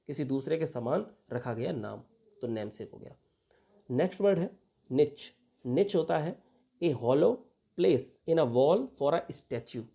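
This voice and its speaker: A man's voice: medium pitch, gravelly, mellow. A young adult man from India teaching an exam vocabulary lesson, patiently repeating each meaning and spelling words out.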